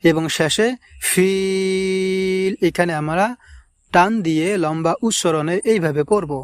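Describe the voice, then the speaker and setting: A man teaching correct recitation, drawing out words slowly and repeating them to correct pronunciation. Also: on the high side, no echo, clean studio sound. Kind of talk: recitation lesson.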